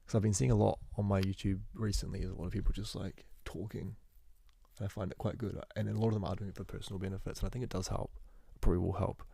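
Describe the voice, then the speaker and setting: A young man, a university student, rambling through a casual spoken journal into his phone, talking fast and correcting himself as he goes. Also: low-pitched, level tone, gravelly, warm tone, slightly rough, no echo. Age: young adult. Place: indoors at home. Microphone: phone recording.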